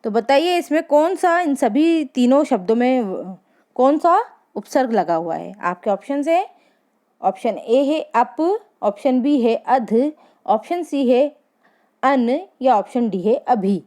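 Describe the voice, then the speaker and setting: A woman teacher leading an exam-prep lesson, reading out each question and its options slowly, then giving and explaining the answers. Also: sits high, expressive, dark tone.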